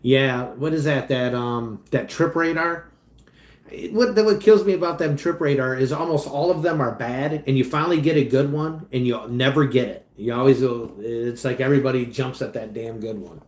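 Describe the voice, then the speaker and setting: A medium-pitched male streamer, who also works as a delivery driver, reads livestream comments at normal speed in an echoey room. His chat is rambling and easygoing, often trailing off quietly.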